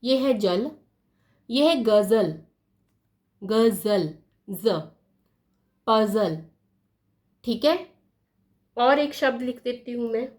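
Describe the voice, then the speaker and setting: A woman teaching a lesson, writing words on a board and repeating each one slowly, often asking her pupils questions. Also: a little high. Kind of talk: slow classroom explanation at a board.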